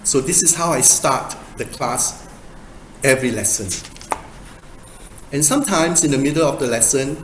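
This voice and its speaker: A man in his fifties from Singapore, giving an academic presentation in a measured, emphatic way with rhetorical questions. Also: mid-range voice, a bit bright. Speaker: guest speaker, doctoral researcher. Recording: echoey room with faint noise.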